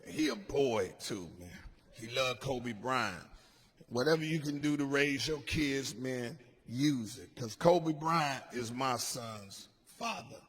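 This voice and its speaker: A man from Washington, D.C., doing a stand-up comedy set on a club stage, loud, dropping low and mumbling then shouting his punchlines. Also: slow. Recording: live club recording with ambient noise.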